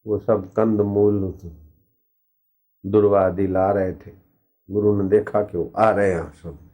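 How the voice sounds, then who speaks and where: A man's voice: lowish voice, little pitch movement, unhurried. A man, a spiritual teacher, tells a devotional story in a sermon, repeating words for emphasis and acting out the lines of the people in it. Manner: vivid storytelling with repeated words and acted quotes. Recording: dull lo-fi recording.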